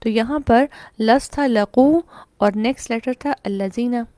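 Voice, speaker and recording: A woman with a Pakistani Urdu accent, teaching a Quran recitation lesson with a fairly high voice. She explains each rule step by step, poses questions and answers them herself, and recites verses slowly. The recording is close and dry, with no room sound. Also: mellow, dry recording. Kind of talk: online tajweed lesson.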